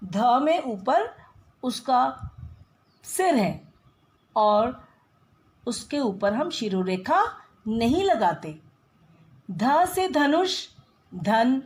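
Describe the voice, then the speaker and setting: A middle-aged woman teaching a grammar lesson, pronouncing each syllable carefully and clearly. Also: fairly high pitch, a little mellow.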